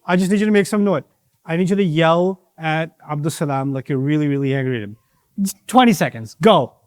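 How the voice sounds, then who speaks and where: A man's voice: on the high side, animated, brisk, dry recording, clean studio sound. A man giving an interactive religious lesson to young people in a mosque, playful and teasing, acting out bits of dialogue. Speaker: teacher of young audience.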